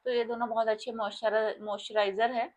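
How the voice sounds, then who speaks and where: A woman's voice: fairly high pitch, little pitch movement, brisk, a little mellow. A young woman with an Indian accent walks through her makeup artist's kit in a casual, chatty way. She explains each product step by step and speaks straight to her viewers.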